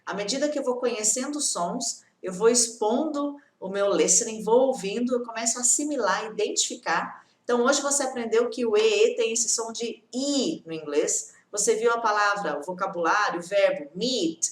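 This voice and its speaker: A Brazilian woman with a high-ish, animated voice teaches English in a casual online lesson, chatty and reassuring, often repeating the tag question "tudo bem?". She acts out students' complaints in quick bursts. The room sounds echoey.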